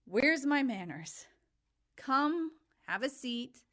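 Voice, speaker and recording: A man's voice: very high-pitched, big pitch swings, slow, pushed and bright, voice pushed up, exaggerated voice. A woman voicing an anxious, hospitable male ferryman of souls, fretful at times and formal and grand at others.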